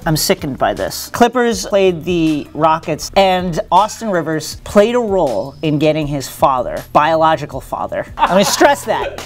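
A man hosting a comedic basketball show, sarcastic and jokey, swinging between deadpan asides and excited outbursts. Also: on the high side, measured pace, hardly any pauses, soft background music. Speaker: host. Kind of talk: comedic sports commentary.

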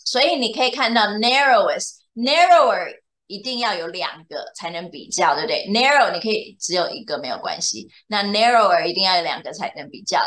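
Speaking in a mid-range voice with a fairly bright tone, an English tutor leads a bilingual lesson for a single young student. She explains patiently and keeps checking that the child is following along.

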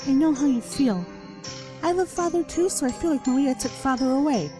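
A woman voicing a desperate little girl who clings to her father, high and tearful, reading game dialogue. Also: animated, a little fast. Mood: pleading. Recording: game music underneath.

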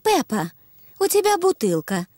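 A woman voicing a kind, patient mother pig who gently explains things in a children's cartoon. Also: high voice, sing-song, a little slow, faint music behind. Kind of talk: animated children's cartoon dubbing.

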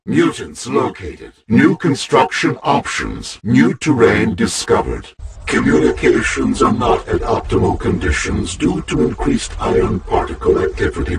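A man voicing a calm computer AI announcer in a game, reading status alerts in a clipped, flat machine delivery. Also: medium pitch.

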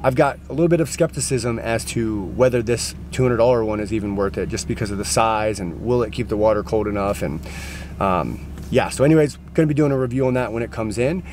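A man's voice: lowish voice, fairly quick, a little mellow. An American man in his thirties chatting casually to viewers as a vlogger. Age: 30s. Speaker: vlogger and gym owner. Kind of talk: casual vlog chat. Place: outdoors on forest trail, later inside a car. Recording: clear outdoor and vehicle background noise.

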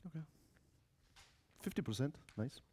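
His voice is a little high, expressive, husky, and darkish, and he speaks a little slowly. A Danish-accented software developer in his thirties, of mixed Spanish-Danish family from Denmark or Spain, gives a chatty informal technical talk with audience asides in an indoor lecture room.

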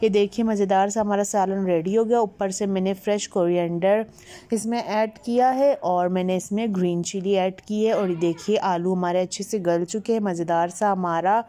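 A woman's voice: mid-range voice, fairly even intonation, moderate pace, mellow. A woman hosting her home cooking channel, chatting viewers through a recipe step by step in a voice-over. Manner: chatty, repeats "ये देखिए" while guiding viewers step by step.

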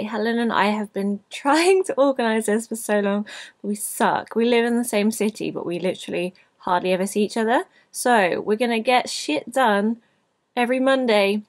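A woman in her twenties with a British accent, chatting candidly and casually as a vlogger. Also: medium pitch. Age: 20s. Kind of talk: casual personal vlog chat.

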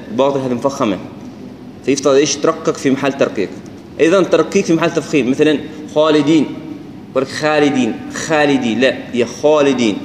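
A man with an Omani Arabic accent teaches tajweed, drawing words out slowly and saying them again and again to compare right and wrong sounds. His voice sits at an ordinary middle pitch. It rings out in a roomy, echoing space, with a faint hiss in the background. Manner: casual, repeats words slowly to show right and wrong pronunciation. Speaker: Quran recitation teacher. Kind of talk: tajweed lesson.

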